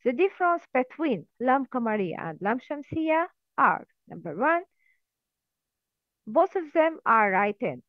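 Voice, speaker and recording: A woman teaching a lesson slowly and carefully, repeating words for her learners. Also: high-pitched, very animated, no room sound. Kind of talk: slow step-by-step lesson. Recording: dry, tinny phone-like sound.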